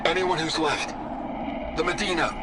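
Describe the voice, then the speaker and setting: Naval officer, old recorded distress message, urgent shouted orders, high lively voice, thick static. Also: male voice, moderate pace. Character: male naval officer sending a desperate battle message. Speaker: ship's officer.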